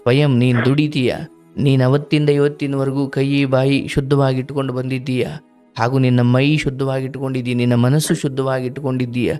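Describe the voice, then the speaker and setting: A man's voice: medium pitch, flat delivery, a little fast, soft background music. A man hosting a live call-in counseling show, giving fatherly spiritual advice to a caller and sometimes acting out what people say. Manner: warm, fatherly, preaching advice with acted quotes.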